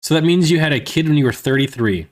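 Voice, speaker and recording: A man's voice: a little high, animated, fast talker. A man in his thirties chatting casually on a livestream, rambling and filling his talk with "man" and "you know". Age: 30s. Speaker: livestreamer reading chat. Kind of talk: casual stream chat.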